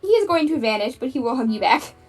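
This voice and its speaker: Woman game master, slightly high, distant. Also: sing-song, a little mellow. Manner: descriptive, halting with fillers. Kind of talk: narrating a tabletop game. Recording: distant mic. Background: faint background music.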